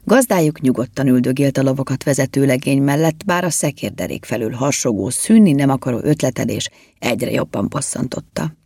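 Brief: storybook narrator, woman, husky and animated, close and dry. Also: rumbling low, no room sound. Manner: lively and expressive. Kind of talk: storybook reading.

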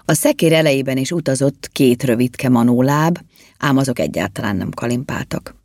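A woman reading a children's storybook aloud in a lively, expressive way. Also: very deep voice, no room sound, clean studio sound. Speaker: narrator.

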